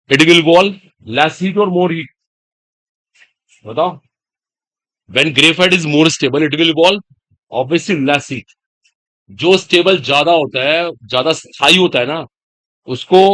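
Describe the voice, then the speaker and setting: Guy teaching chem in a classroom, slightly high voice, keeps quizzing kids and repeating stuff. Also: fairly bright tone, poor audio. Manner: questions students, repeats key points, mixes English phrases. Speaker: chemistry teacher. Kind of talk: classroom lecture.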